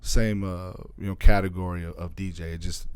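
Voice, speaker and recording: Low-voiced man in casual interview talk. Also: steady tone, brisk, smooth. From Arizona, USA. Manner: loose and repetitive, often adds "you know what I'm saying". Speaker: guest, DJ and radio station owner.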